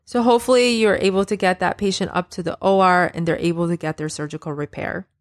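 Quick-paced with fairly even intonation, this woman's low voice comes through clean studio sound without echo. As a nursing podcast host and educator, she gives matter-of-fact, instructive guidance addressed straight to the listener.

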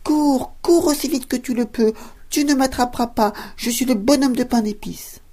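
A woman's voice: high voice, moderate pace, dark tone, voice pushed up. A woman voicing a boastful little gingerbread man in a children's storybook, in a taunting sing-song chant.

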